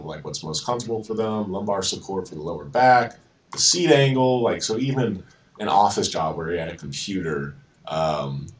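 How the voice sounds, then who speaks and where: A man's voice: low voice, recorded from a distance, low-quality recording. A young man giving a casual psychology lecture over slides, with fillers and self-corrections. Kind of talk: informal slide-based lecture.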